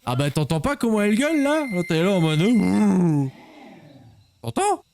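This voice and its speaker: Un homme qui commente sa partie de jeu vidéo de façon décontractée, joueuse et pleine d'exclamations. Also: male voice, high-pitched, very animated, fast, slight background noise. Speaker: video game streamer. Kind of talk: casual gameplay commentary.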